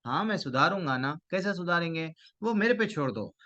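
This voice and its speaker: A man's voice: a little high, lively intonation, a little fast, lo-fi sound. A man voicing a kindly, clever older man. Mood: coaxing. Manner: warm, coaxing, talks gently to children.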